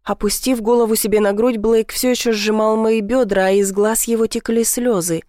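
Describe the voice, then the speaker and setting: A woman narrating a first-person romance novel in an intimate, measured reading. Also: fairly high pitch, fairly even intonation, darkish tone, dry recording, clean studio sound. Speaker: audiobook narrator.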